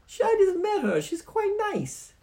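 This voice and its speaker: A man voicing a small, brash male sidekick who taunts and mocks in a very high, squeaky voice. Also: huge pitch swings, mellow, heavily acted. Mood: taunting. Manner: brash, taunting, fast-talking.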